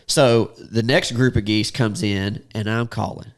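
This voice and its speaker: A man's voice: on the low side, fairly even intonation, a little slow. A man who guides waterfowl hunts, telling stories in a casual chat with lots of laughter and restarts, using a Southern "y'all". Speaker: duck hunting guide and podcast host.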